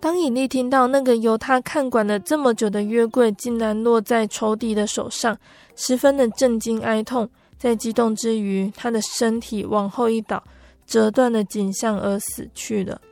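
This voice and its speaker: A woman narrating a Bible story for a podcast in a gentle, unhurried storytelling manner with soft filler particles. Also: fairly high pitch, steady tone, vocal fry.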